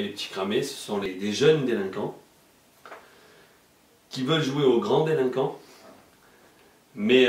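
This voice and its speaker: Low-voiced man in an echoey room. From Marseille, France. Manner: hesitant, many fillers and restarts. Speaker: journalist guest. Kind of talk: casual explanatory interview talk. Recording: echoey room, mic far off.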